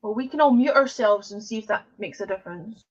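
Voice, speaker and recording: A woman's voice: medium pitch, expressive, brisk, highs cut off, a little hiss or hum. A woman in her forties on a live podcast chat, teasing and swearing. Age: 40s. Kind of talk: casual live-stream chat.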